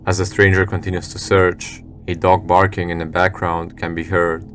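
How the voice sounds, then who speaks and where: A man reading scripted narration for a scary video compilation in a measured, serious storytelling manner. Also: deep voice, flat delivery, a bit bright, faint music behind.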